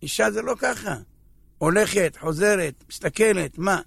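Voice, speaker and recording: Male preacher, comic storyteller, high voice with gravel, dry close sound. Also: fairly bright tone, no room sound. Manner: joking storyteller acting out scenes. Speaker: religious speaker. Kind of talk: humorous sermon.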